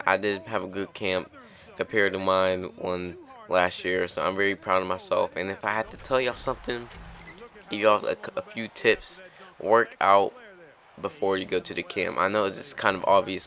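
Deep, bright-toned young man chatting. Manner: rambling, chatty, with frequent restarts. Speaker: gaming channel host. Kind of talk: casual gameplay commentary.

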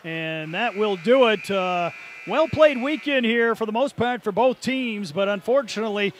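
A man's voice: high voice, normal speed. A man calling ice hockey play-by-play in an arena, rattling through the action and erupting on goals. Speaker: play-by-play announcer. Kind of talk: play-by-play sports commentary.

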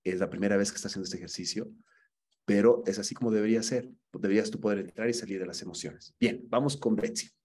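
A man leads an acting class with a low, husky voice. He gives his students earnest feedback and often stumbles into repeated words while finding his point. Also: fast, darkish tone. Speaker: acting teacher.

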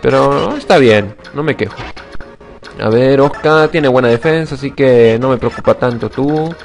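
A young man giving casual let's-play commentary, excitable and swearing, shouting when attacks miss. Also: mid-range voice, moderate pace, soft background music. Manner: excitable, swears a lot, sudden shouts at misses. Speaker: gaming channel host.

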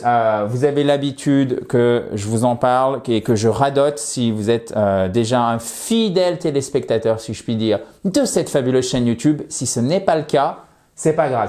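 A man giving a playful video lesson on English vocabulary, saying English example sentences slowly and clearly. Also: medium pitch. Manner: lively, playful, shifts between French and slow English examples. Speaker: English teacher.

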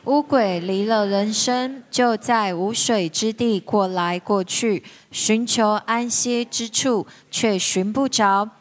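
A woman reading a scripture passage aloud in a slow, measured way, as part of a congregation. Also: medium pitch.

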